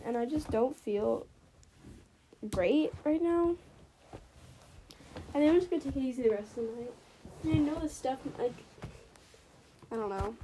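A woman's voice: fairly high pitch, dark tone, a little hiss or hum. A teenage girl vlogging casually while sick with a sore throat, rambling and complaining with lots of "like"s. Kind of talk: casual chat to camera.

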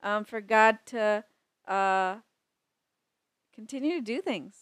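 A woman's voice: mid-range voice, slow pace, a bit bright, smooth, dry recording, studio quality. A woman co-hosting a casual faith podcast, playful and teasing, often answering briefly. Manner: playful, teasing, short replies. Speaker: podcast co-host.

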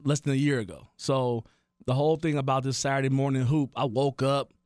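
A man's voice: medium pitch, fairly even intonation, fairly quick, a little mellow, smooth, no echo, clean studio sound. A man in his thirties, a working DJ, chatting casually with friends and laughing often. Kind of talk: casual chat.

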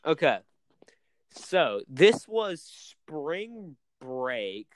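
A man's voice: on the high side, very animated, drawn-out words, no room sound. A man co-hosting a casual podcast, telling spooky stories in a playful, rambling way.

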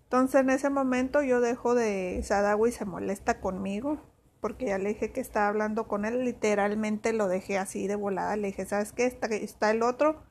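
A woman's voice: medium pitch, normal speed, darkish tone, a little hiss or hum. A young woman recounts a hard relationship story, acting out the other people's lines as she goes. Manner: emotional retelling, acts out quoted dialogue. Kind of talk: personal storytelling.

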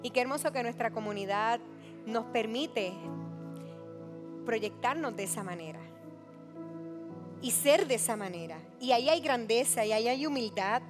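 A woman's voice: a little high, lively intonation, normal speed, pauses often. Female pastor, earnest confessional testimony over background music. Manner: earnest, confessional, acts out quoted dialogue. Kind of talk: personal testimony sermon. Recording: music playing behind her.

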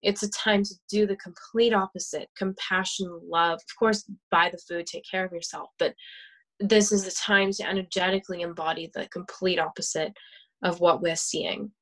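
A woman's voice: on the low side, steady tone, normal speed, fairly bright tone, low-quality recording. A woman in casual conversation about oracle cards and spirituality, chatty, with many fillers and frequent laughs. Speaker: guest.

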